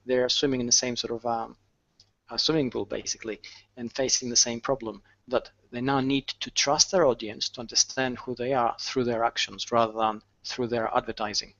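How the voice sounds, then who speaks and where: Guy on a video call panel, mid pitch, kinda thinking out loud with lots of ums, muffled sound. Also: fairly even intonation, moderate pace. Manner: thoughtful, with frequent ums and restarts. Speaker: panel guest.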